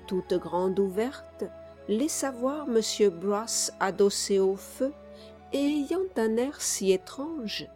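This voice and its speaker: A woman reading a classic novel aloud as an audiobook narrator, in a measured, deliberate way. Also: medium pitch, darkish tone.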